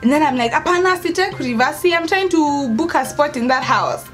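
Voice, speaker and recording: This young adult woman's voice is high, expressive, a bit bright and a little fast, with faint music behind it. Speaking with a Kenyan accent, she tells a casual story to camera indoors by an open doorway at home, dramatically acting out the dialogue and code-switching into Swahili.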